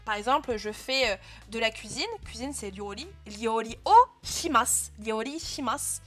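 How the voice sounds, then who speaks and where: Casting note: young female teacher, bright and fairly high voice, patient step-by-step explaining, faint music behind. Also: normal speed. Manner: patient, clear explaining with frequent "euh" and "hein" checks. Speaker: Japanese teacher. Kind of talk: live online language lesson.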